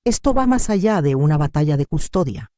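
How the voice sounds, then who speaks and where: A determined young lawyer, firm and protective, speaks with earnest conviction in a told story, as a woman narrator puts him on. The voice rises and falls in a lively way and sits on a mellow, warm tone. It sounds dry and close. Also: fairly high pitch, brisk, no echo.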